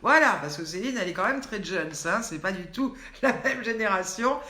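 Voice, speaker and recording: A woman's voice: mid-range voice, lively intonation, brisk, sharp tone. An older woman hosting a live online show, playfully quizzing viewers and reading out their names and comments. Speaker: host of a daily online show. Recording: echoey room.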